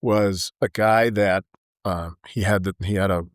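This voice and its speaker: Guesting on a podcast, a middle-aged business owner and author tells reflective stories in casual chat, warm and earnest. He speaks a little slowly with a lowish voice and fairly even intonation, in studio quality with no echo.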